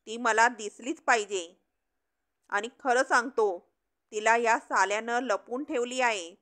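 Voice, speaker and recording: Storybook heavy, played by a woman narrator: a jealous man barking threats, slow and fairly high. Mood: angry, threatening. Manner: shouting threats. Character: jealous, bullying man demanding a missing girl.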